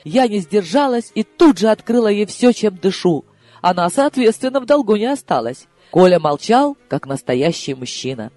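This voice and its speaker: A man narrates an audiobook with theatrical flair, dropping into hushed asides and then bursting out. His voice sits high and leaps across a wide range. The recording is dry and close, with faint music underneath. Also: moderate pace, dry recording. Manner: theatrical, swinging between hushed asides and excited outbursts. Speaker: audiobook reader.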